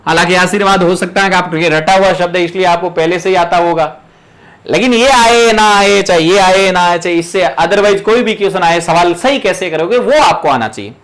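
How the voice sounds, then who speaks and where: A man with a high, light voice gives an exam prep lecture from Rajasthan. He drills each rule again and again and talks directly to his students, step by step. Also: moderate pace, fairly bright tone. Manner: emphatic, repetitive drilling of rules. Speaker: teacher.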